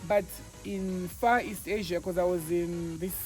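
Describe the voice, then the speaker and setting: A Tanzanian man whose first language is Swahili, appearing as a guest on a travel vlog, chats casually outdoors by a lake. His high-pitched voice keeps a steady tone and measured pace, and he sounds thoughtful and hesitant, with fillers and restarts. Faint music plays behind him.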